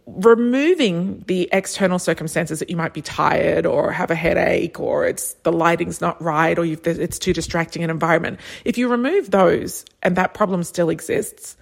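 A woman's voice: on the low side, moderate pace, creaky, hardly any pauses. A woman in her thirties coaching travel advisors in a chatty, anecdotal podcast talk. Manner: chatty, anecdotal, animated impressions. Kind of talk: solo business podcast talk.

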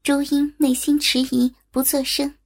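A woman reading a story aloud as narrator, in a steady, even storytelling manner. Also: sits high, a little slow.

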